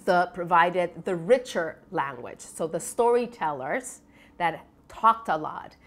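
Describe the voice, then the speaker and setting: The speaker, a woman from Lima, Peru, researches developmental psychology and is explaining things during an interview. Her lower-pitched voice is reflective with a fairly bright tone, and she talks haltingly, often seeking agreement with tag questions.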